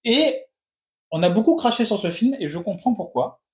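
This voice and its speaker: A man's voice: high voice, big pitch swings. A man in his thirties hosting a casual film critique, talking in opinionated bursts full of restarts. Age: 30s. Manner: opinionated, talks in quick restless bursts with many restarts. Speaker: film review host.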